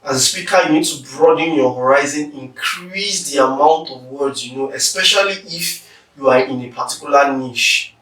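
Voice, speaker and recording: A man teaching public speaking in a slow, deliberate lecture, carefully stressing syllables as he demonstrates words. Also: medium pitch, pushed and bright. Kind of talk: instructional lecture. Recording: echoey room, somewhat far from the mic.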